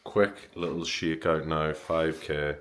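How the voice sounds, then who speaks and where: A man's voice: very deep voice, level tone, takes it slowly, a bit bright, a little hiss or hum. An Irish man talking casually to his vlog audience. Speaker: vlogger and endurance racer.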